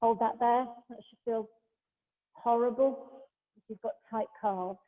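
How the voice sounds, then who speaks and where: A high-voiced Pilates instructor talks her class through each exercise a little slowly, staying calm and methodical while chatting between cues. Streamed over a video call from a large hall, her voice rings with a long echo and comes through a thin, phone-like line.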